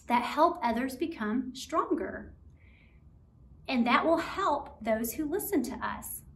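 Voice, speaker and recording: A woman's voice: a little high, echoey room, distant mic. Woman teaching kids a Bible lesson. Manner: gentle, encouraging, speaks to kids as friends. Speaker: children's ministry teacher. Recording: voice from a bit off the mic, faint background noise.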